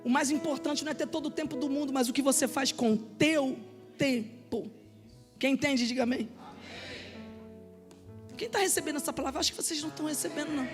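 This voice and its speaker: A woman pastor, preaching an impassioned sermon that builds to shouted, repeated appeals. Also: high voice, a little fast, long pauses, music in the background. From Brazil. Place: church sanctuary. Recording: reverberant church hall.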